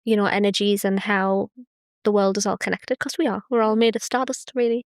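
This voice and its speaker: A woman's voice: mid-range voice, fairly even intonation, brisk, no echo, studio quality. A woman guest on a podcast, talking earnestly and enthusiastically about her music and beliefs in casual chat. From England. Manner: earnest, enthusiastic, laughs often.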